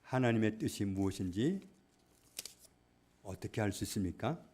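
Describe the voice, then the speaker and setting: A male pastor preaching a sermon, stressing points loudly and then dropping to hushed asides. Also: on the low side, expressive, moderate pace, a little hiss or hum. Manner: emphatic, swings between loud stresses and hushed asides. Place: church.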